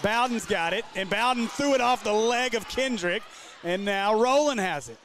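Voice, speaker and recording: A man calling a basketball game live as play-by-play commentator, running through the action at a quick pace. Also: high-pitched, a bit bright, slight background noise. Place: basketball gym.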